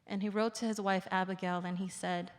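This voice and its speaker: A woman's voice: mid-range voice, level tone. A woman in her forties, originally from El Salvador, giving an earnest, reflective formal speech at a public event. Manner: earnest, reflective, slows for emphasis. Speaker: invited speaker. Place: large indoor theater. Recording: reverberant theater hall.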